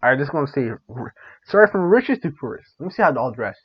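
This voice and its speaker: Lively slangy man reacting on camera. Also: mid-range voice, fast talker, dull audio, faint music behind. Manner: slangy, blunt, thinking out loud. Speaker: reaction video host. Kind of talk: casual reaction commentary.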